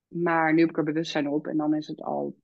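A woman in her thirties talks openly as an interview guest, thinking aloud with plenty of hesitations. Her voice has a gravelly, creaky edge. The sound is dull and dry, with no room around it. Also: sits low, fairly quick, no echo. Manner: reflective, many fillers, animated when quoting her child. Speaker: podcast guest, founder and midwife. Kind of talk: candid conversational interview.

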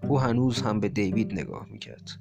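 Man narrating over soft guitar. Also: lowish voice, sing-song, vocal fry. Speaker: audiobook narrator. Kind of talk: scripted narration. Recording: faint guitar music bed. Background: soft guitar music.

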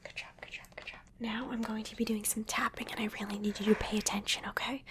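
A woman speaks almost entirely in a soft, breathy whisper, slightly higher than most women. She is playful and coaxing as she gives the listener one small instruction after another. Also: flat delivery, quick pace. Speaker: ASMR creator. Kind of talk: whispered ASMR attention-test role-play.

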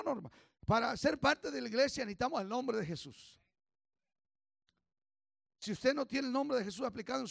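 A man preaching a fiery bilingual sermon, switching languages mid-thought and calling the congregation to answer back. His voice sits very high with a gravelly rasp and swells into shouts to drive points home. The recording is dry, with no room echo. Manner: switches between Spanish and English, calls for congregation responses; shouts for emphasis. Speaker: pastor.

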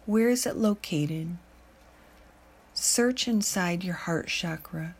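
A woman guiding a meditation, speaking in a calm, soothing way with long pauses. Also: on the low side. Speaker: meditation guide. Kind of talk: guided meditation narration.

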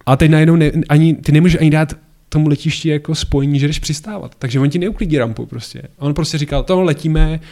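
Gravelly man telling a story. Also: fairly high pitch. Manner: animated, acts out shouted quotes, many fillers and restarts. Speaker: guest. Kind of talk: casual storytelling.

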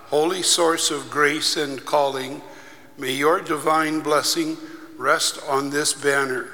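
A man leading a solemn church blessing in measured, deliberate phrases, his voice ringing in a long cathedral echo. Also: on the high side, bright, forceful tone. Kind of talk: solemn liturgical prayer. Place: large reverberant church.

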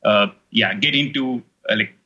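This online course creator from India, middle-aged and Telugu-speaking by birth, chats casually as an interview guest in Indian English. His fairly low voice moves at a moderate pace, bright and forceful, though he rambles with many fillers and false starts. The recording has its highs cut off.

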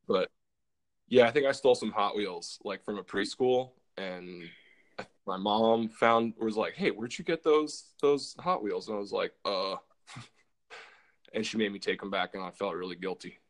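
A man's voice: lowish voice, fairly even intonation, measured pace. A man hosting a casual podcast, telling a story in a rambling way with lots of fillers and restarts. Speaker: podcast host.

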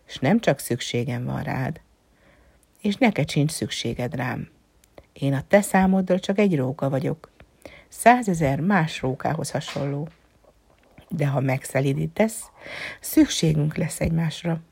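A woman voicing a gentle, lonely male fox in a storybook reading, speaking softly and often sinking into a whisper. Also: low voice, creaky, slightly rough, full character voice. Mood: musing. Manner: soft, musing, often dropping to a whisper.

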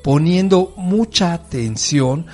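A psychologist giving a conversational self-help talk, often asking the listener rhetorical questions. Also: male voice, a little high, lively intonation, slow pace, darkish tone, faint music behind.

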